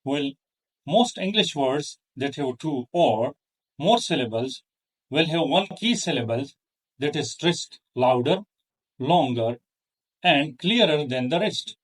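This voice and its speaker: A man hosting an English pronunciation lesson, speaking in a careful, measured way with pauses between phrases. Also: on the high side, animated, fairly bright tone, recorded from a distance. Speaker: host, English teacher. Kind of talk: slow deliberate lesson.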